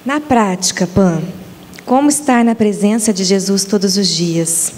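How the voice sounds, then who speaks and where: A woman's voice: mid-range voice, unhurried, a little mellow. Brazilian woman asking questions, faint hall noise. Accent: Brazilian Portuguese. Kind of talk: talk show questions.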